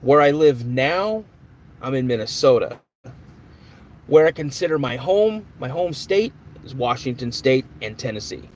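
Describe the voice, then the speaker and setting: A man's voice: medium pitch, slight background noise. A man hosting a live stream in a casual, chatty way, greeting viewers by name and answering their comments.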